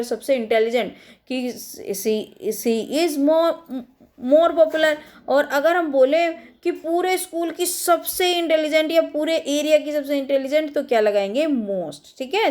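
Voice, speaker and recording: A woman with a high, light voice explains grammar to schoolchildren. She spells words out letter by letter and keeps checking in with short rhetorical questions. Her delivery is patient and drilling, the way a classroom lesson runs. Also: darkish tone. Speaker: teacher.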